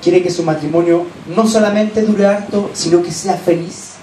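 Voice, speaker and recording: A man with a Chilean accent preaching a sermon as pastor, earnestly urging his listeners, then dropping to soft, low asides. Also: steady tone, moderate pace. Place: church hall. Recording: echoey church hall, distant mic, faint hiss.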